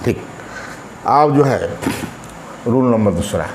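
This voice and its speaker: Male tutor, unhurried classroom delivery, lots of repetition, roomy sound. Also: mid-range voice, expressive. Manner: slow, drawn-out, repeats words while writing on a board. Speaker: English teacher. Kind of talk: grammar lesson explained in Hindi. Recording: echoey room, faint background noise.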